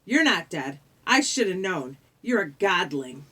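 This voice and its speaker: A woman plays an elegant British ferryman of the dead in an audiobook, smug and coldly sweet. The delivery is smooth and condescending, drawn out over savored words, with lively swoops in pitch. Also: unhurried, full character voice. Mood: suspicious. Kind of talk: audiobook character voice.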